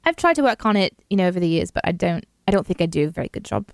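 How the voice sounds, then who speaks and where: A woman's voice: fairly low pitch, big pitch swings, racing, creaky, no echo, clean studio sound. A woman co-hosting a podcast in casual chat. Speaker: podcast co-host.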